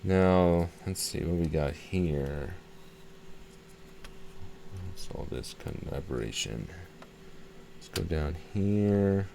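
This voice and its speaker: A man with a low, dark voice speaks slowly, leaving long pauses, while hosting a hobbyist video about repairing a radio. He sounds casual and unsure, musing aloud and repeating himself a lot. Background noise is clearly present.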